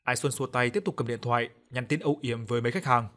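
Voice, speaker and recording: A man narrates a horror story aloud in a measured, dramatic way. His voice sits at an ordinary middle pitch for a man, steady from line to line.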